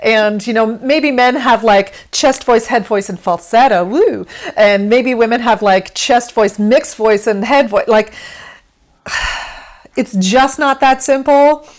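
A woman's voice: on the high side, slow. A woman guest on an interview, explaining singing technique in a conversational way, with frequent fillers and easy laughter. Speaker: vocal pedagogy specialist guest.

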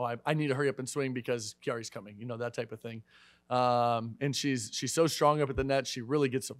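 A man's voice: medium pitch, no echo. A man in his thirties, a head volleyball coach, answering questions at a post-match press conference in a casual, filler-heavy way. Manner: fast, conversational, many fillers and restarts. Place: media room in front of a sponsor backdrop. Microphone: desk microphone.

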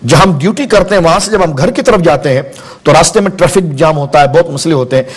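A man in his forties, a religious scholar in a TV studio interview, explaining slowly with everyday examples and stories. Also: fairly high pitch, husky. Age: 40s. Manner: measured, explains with examples and anecdotes. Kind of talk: studio interview, spiritual teaching.

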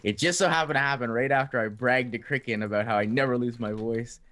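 A man's voice: mid-range voice, fast talker, a bit bright. A young man with a sore throat, chatting and joking while playing a game with the host, laughing often. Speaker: co-player. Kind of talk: casual gameplay commentary.

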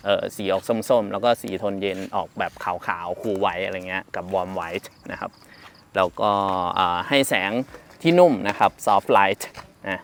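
A man's voice: lowish voice, slight background noise. A man giving a casual, rambling gadget review, chatty with frequent fillers and laughs.

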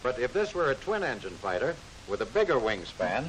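A middle-aged American man giving formal, instructive mid-century newsreel-style narration for a military training film, in measured phrases. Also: medium pitch, sing-song, fairly bright tone. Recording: hissy, noisy vintage film soundtrack.

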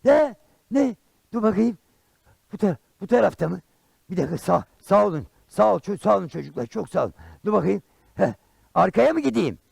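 Man playing a blunt shadow puppet everyman, high gravelly voice, dry close sound, loud rhyming comebacks. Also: sing-song, fairly quick, long pauses, dry recording, exaggerated voice. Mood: panicked. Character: Karagöz, blunt quick-tempered common man puppet. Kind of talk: traditional shadow puppet play.

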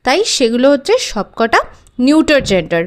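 A woman's voice: high-pitched, big pitch swings, fairly quick. A woman teaching English grammar, asking and answering her own questions and spelling words out letter by letter. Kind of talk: explaining grammar with examples.

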